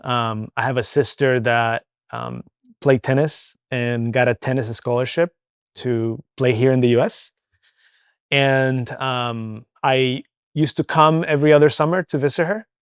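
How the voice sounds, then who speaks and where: A young man from Venezuela speaks as an interview guest, open and chatty, leaning on fillers as he goes. His voice is smooth and clear, sits at an ordinary pitch, and is recorded close and dry. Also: steady tone, a little slow, no echo. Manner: candid, chatty, many fillers like "um" and "like". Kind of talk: casual interview talk.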